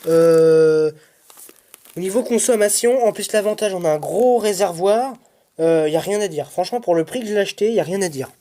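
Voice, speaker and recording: A man's voice: sits high, moderate pace, warm tone. A man hosting a casual product review vlog, chatty and informal, rambling with frequent hesitations and restarts. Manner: addresses viewers as "guys", frank and informal. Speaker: channel host reviewing his brush cutter.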